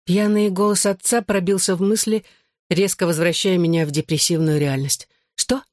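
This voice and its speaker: A woman narrating a novel in the first person, measured and tense. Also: lowish voice, fairly even intonation, a little mellow, dry recording, clean studio sound. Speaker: audiobook narrator.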